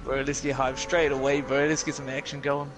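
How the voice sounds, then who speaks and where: A man's voice: medium pitch, level tone, fairly quick. A man with a broad New Zealand accent, chatting casually and upbeat in slang as he streams a game. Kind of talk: casual gaming chat. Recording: noisy gaming headset chat.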